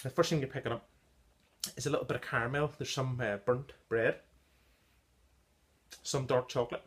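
In a casual vlog, a medium-voiced man in his thirties tastes and describes a beer he brewed himself. His talk is relaxed and chatty, full of ums and halting pauses. A close-up device camera records him in a small indoor room.

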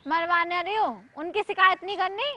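Very high, sharp, feisty young woman, acted by a woman. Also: moderate pace, no room sound. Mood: bossy. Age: young adult. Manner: scolding, commanding. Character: feisty young village woman confronting a pestering man. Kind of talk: comedy skit acting. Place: outdoors in an open field.

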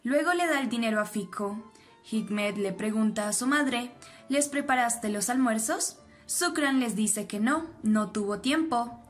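A woman's voice: on the high side, a little slow. A woman steadily narrating an episode recap, reading the characters' lines plainly. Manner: steady storytelling, reads quotes plainly. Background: faint background music.

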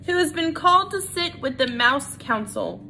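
A woman doing an eager shouting young mouse. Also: high-pitched, animated, normal speed, background noise, pitched above the performer's own voice. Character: excitable young male mouse, brother.

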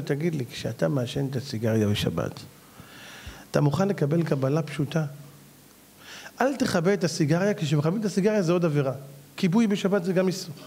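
Lively, high-voiced rabbi telling a story. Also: male voice. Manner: acts out both sides of a dialogue with a salesman. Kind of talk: animated storytelling sermon.

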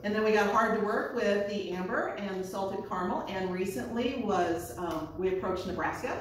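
A woman in her fifties, a distillery owner, telling her story in a lively, eager way while showing guests around. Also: mid-range voice, normal speed, a little hiss or hum. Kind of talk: casual chat. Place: small distillery room, indoors. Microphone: far camera. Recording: echoey room from far off.

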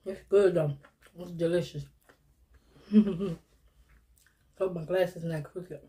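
A woman in her 50s runs a mukbang vlog, eating and chatting casually with viewers she calls y'all and little sis. Her voice sits on the low side, steady and mellow, and she takes her time.

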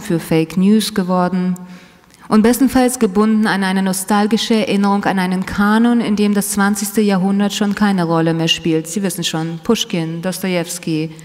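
A Russian-speaking woman author gives a talk in a large hall, reading her essay aloud in a reflective way and turning to the live audience for asides. She speaks into a table microphone at a panel table in a medium-pitched, darkish voice, with long hall reverb around her.

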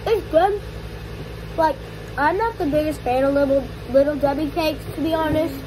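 A woman with a high voice talks while chewing cake, giving a frank, casual food-tasting verdict full of fillers. A noisy background is present. The feel is relaxed and unscripted. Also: normal speed. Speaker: vlogger.

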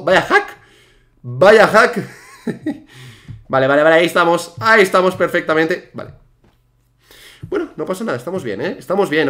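A young man chats his way through a game. His voice sits slightly high for a man, and he talks in excitable bursts, piling up quick repeated words as he plays. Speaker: gaming YouTuber. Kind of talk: casual let's-play commentary.

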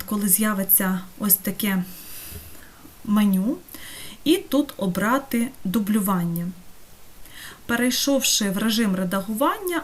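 A woman teaching an online course, talking through a screen-recorded software tutorial step by step and checking in with her students. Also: medium pitch. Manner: patient, step-by-step, checks in with "так?".

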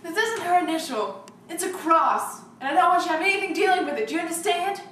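A woman's voice: extremely high pitch, animated, fast. A woman playing a strict, guarded mother who scolds her young daughter firmly, in an amateur short film. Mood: stern. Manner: firm, scolding, later hushed and grave. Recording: echoey room, distant mic, music behind.

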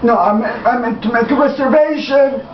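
A young man fakes a confused old man, high-pitched and feeble. He speaks haltingly and groans through a prank call. The sound is muffled and echoes in a small bathroom, with faint noise. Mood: pained, feeble. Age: young adult. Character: feeble, confused old man, hard of hearing, bad back. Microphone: camera a few feet away. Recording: muffled, roomy, faintly noisy camera recording.

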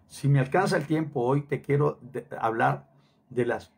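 A man's voice: medium pitch, normal speed, creaky, slightly rough. A middle-aged man preaching a sermon emphatically, repeating phrases for stress and dropping Hebrew words into his talk.

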